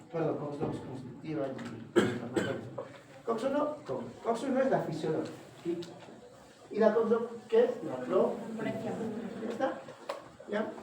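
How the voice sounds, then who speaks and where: A man giving a classroom lecture, quizzing his students with quick questions. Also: a little high, darkish tone. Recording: echoey room, far from mic, noisy.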